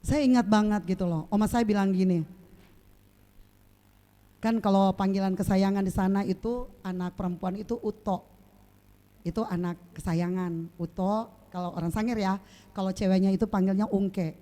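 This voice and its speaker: A woman delivers a church sermon at a middle pitch, telling stories with vivid sound effects. She keeps turning to the congregation with quick questions, pulling them into the story. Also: fairly even intonation, warm tone. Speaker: preacher.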